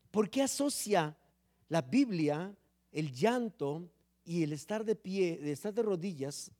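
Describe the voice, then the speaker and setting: A man preaching with a high voice. His delivery swings dramatically, with loud emphatic phrases and then low, hushed words. The pitch leaps around a lot from line to line. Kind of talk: sermon.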